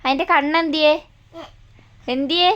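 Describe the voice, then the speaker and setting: High-voiced mother in sing-song baby talk. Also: fairly even intonation, unhurried, fairly bright tone, dull audio, slight background noise. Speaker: mother and family vlogger. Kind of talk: casual family vlog.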